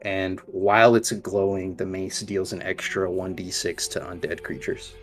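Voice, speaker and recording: A young man narrating as dungeon master, describing things with halting restarts. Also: low-pitched, level tone, faint music behind. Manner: hesitant, restarts while describing. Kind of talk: running a tabletop game.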